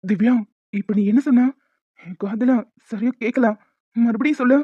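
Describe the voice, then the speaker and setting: A protective young husband, tender and earnest, his voice fairly high as it is done by a woman for a cartoon. The audio is dull and dry, with faint music. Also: normal speed, slightly rough, no echo.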